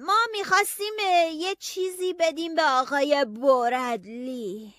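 A woman's voice: sits high, pushed and bright, dry recording, studio quality. A woman voicing a young boy who stammers and answers hesitantly in a Persian audiobook drama.

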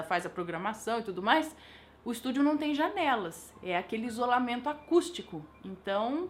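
Brazilian woman, high voice, channel host, chatty ghost-story telling. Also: fairly bright tone. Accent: Brazilian Portuguese. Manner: chatty, musing aloud with rhetorical questions. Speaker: channel host telling viewers' paranormal stories. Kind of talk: casual storytelling.

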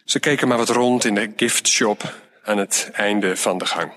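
A man reading a children's story aloud in a lively, plainspoken way. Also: on the low side, unhurried.

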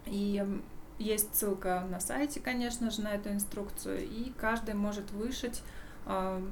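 At a measured pace and medium pitch, a podcast guest who embroiders and owns a shop chats and laughs her way through lively stories. A little hiss or hum sits under her voice.

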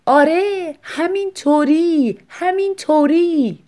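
A high, loud, moaning voice of a sickly wife around fifty, as a woman narrator puts her on. She complains in a slow, self-pitying whine throughout this audiobook story. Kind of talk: audiobook reading.

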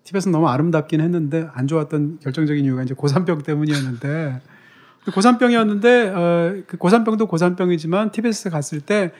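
Fast-talking high-voiced man telling stories. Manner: lively anecdotal storytelling with frequent chuckles. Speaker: podcast co-host and author. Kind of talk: casual talk-show chat.

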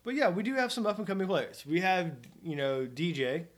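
A man from Oklahoma co-hosts a laid-back golf podcast, talking in a fairly high voice. He rambles, pokes fun at himself and keeps the chat loose and easy. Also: very animated, a little fast. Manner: joking, rambling, self-mocking. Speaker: podcast co-host. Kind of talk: casual sports chat.

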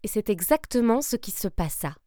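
Expressive woman reading a children's story. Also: mid-range voice, no echo. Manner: expressive, slow and deliberate.

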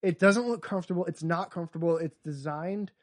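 Talking a little fast in a high-pitched voice, a male podcast co-host keeps things casual, trading wry jokes and performing comedy bits as he goes.

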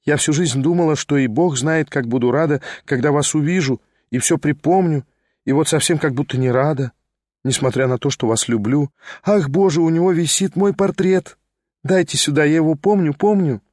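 A male reader voicing an impulsive, lively young woman in an audiobook, talking in excited, emotional bursts. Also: fairly high pitch, no echo, clean studio sound, pitched above the performer's own voice, lightly acted. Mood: wistful. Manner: excited, rushing, emotional exclamations. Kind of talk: audiobook character voice.

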